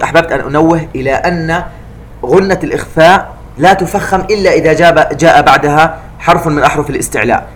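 A man teaching tajweed, reciting verses slowly and drawn out, then explaining the rules briskly. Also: on the high side, a bit bright. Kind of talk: tajweed lesson, alternating slow recitation and explanation.

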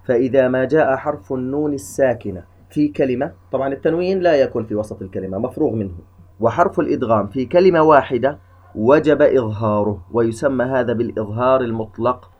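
A man with a mid-range voice teaches the rules of Quran recitation one step at a time, methodically explaining each rule and then drawing out the examples slowly. The recording is dull and lo-fi.

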